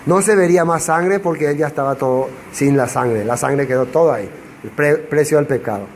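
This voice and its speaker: A man with a high voice leads a verse-by-verse Bible study. He keeps asking the listeners questions and answering them himself. Now and then he acts out the dialogue of the passage. A faint noise sits under the recording. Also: brisk. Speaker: Bible teacher.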